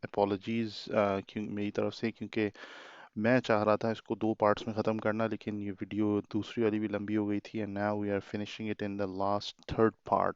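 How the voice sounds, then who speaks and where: A man teaching a class, explaining an English text word by word and mixing English terms into his explanation, reading the English lines slowly with stress on each word. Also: lowish voice, monotone, clear, resonant tone, no room sound, dull audio. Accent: Pakistani.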